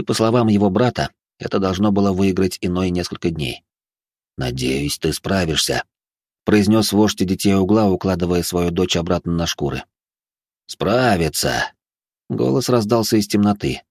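A man narrating a fantasy audiobook in a steady, measured reading. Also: deep voice, dry recording, studio quality.

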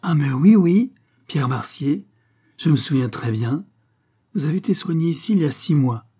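A man voicing a young woman nurse who speaks courteously and gently, with a slightly raised pitch. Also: animated, racing, breathy edge. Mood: warm surprise.

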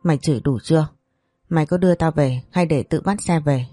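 A woman voicing a sharp-tongued young woman friend who grumbles in exasperation. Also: deep voice, fairly quick, no room sound, faint music behind. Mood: exasperated.

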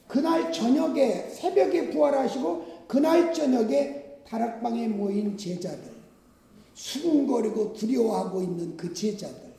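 High, gravelly-voiced male preacher in echoey hall. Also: dark tone. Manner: conversational preaching with rhetorical questions. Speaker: pastor. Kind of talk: sermon.

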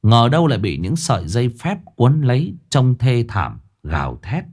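A man narrating a ghost story in a lively, dramatic scripted reading. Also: mid-range voice, moderate pace, husky.

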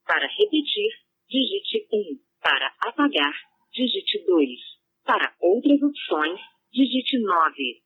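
Woman doing robotic voicemail lady, slow and breathy, tinny phone sound. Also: mid-range voice, full character voice. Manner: flat, mechanical, slow. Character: automated female voicemail voice. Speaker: voicemail system prompt. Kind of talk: automated phone menu.

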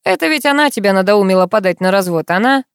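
A woman's voice: mid-range voice, normal speed, no echo, close to an everyday voice. Woman reading the part of a cruel, controlling husband, hissing and mocking, menacing tone, dry close sound, audiobook drama. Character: brutal controlling husband, adult man.

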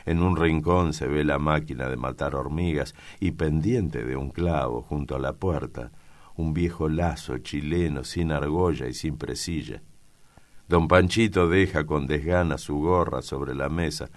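A man from Argentina reading a classic novel aloud in a measured narration. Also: very deep voice. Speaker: audiobook reader. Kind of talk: scripted literary narration.

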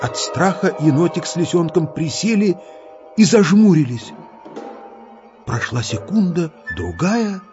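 A man telling a children's story as an expressive narrator reading from a script. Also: sits high, a little slow, lo-fi sound. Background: music.

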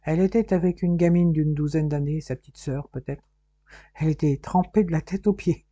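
A reserved, smitten young man, read by a woman in a novel, confiding in a quiet, reluctant way. His tone is very mellow. The recording sounds dry and dull. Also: deep voice, fairly quick, no echo.

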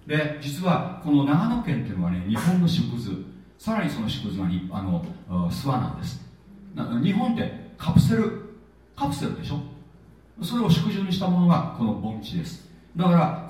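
Lively preaching man in an echoey hall. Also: fairly high pitch, far from the mic. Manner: lively, conversational preaching with many fillers. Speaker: pastor. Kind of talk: sermon.

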